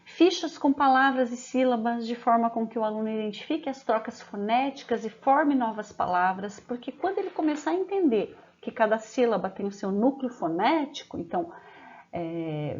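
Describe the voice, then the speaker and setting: A woman with a Brazilian Portuguese accent gives a training lesson to teachers. She explains step by step, often ends phrases with a questioning "né?", and slows down when she dictates examples. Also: mid-range voice, darkish tone, dull audio.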